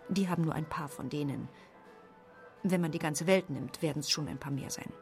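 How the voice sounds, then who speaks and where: A woman at odds with her own body, speaking in a fairly low voice. She talks in wry, rambling asides and keeps correcting herself. It is a literary radio play monologue. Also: moderate pace, soft background music.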